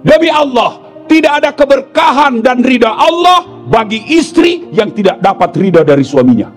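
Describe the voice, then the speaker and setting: A high-voiced man delivers a humorous sermon. He plays out the jokes in character and then scolds the listeners in a loud, lively voice. Faint music sits behind him. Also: moderate pace. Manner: playful, switches to shouted scolding of the women listeners. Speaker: Islamic preacher.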